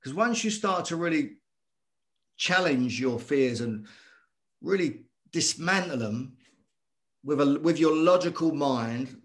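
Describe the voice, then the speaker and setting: Earnest former boxer, slightly high voice. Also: male voice, slow, long pauses. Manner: earnest, animated, repeats himself. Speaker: guest, former boxer and coach. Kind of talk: conversational storytelling.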